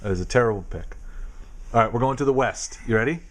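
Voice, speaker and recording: A man's voice: medium pitch, fast talker. A man casually quizzing his young daughter at home, asking questions patiently and teasing her. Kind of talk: casual home video chat.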